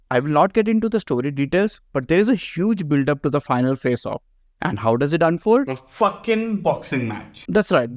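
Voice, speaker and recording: A man's voice: fairly high pitch, dry recording, studio quality. A man narrating a scripted video game commentary in a sarcastic, profane way.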